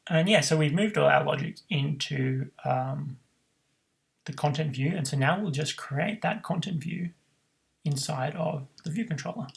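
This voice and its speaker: Gravelly man thinking aloud while coding. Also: fairly high pitch, measured pace, poor audio. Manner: thinks aloud with frequent ums and self-corrections. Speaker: programming tutor. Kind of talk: screen-recorded coding tutorial.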